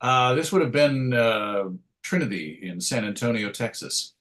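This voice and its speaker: An animated, slightly bright voice of medium pitch belongs to a middle-aged man who reminisces casually and unhurriedly as an interview guest. A writer and radio show host, he rambles hesitantly and often stops mid-thought to start over.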